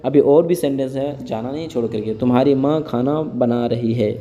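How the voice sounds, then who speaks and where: A man teaching spoken English, saying each phrase slowly twice and then explaining it quickly in Hindi. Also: mid-range voice, mellow, long reverb tail, dull audio.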